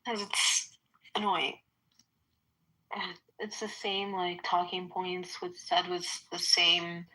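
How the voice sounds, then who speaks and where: Woman with a sharp, lowish voice. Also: level tone, takes it slowly, rough recording. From United States (Kentucky). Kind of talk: informal political debate.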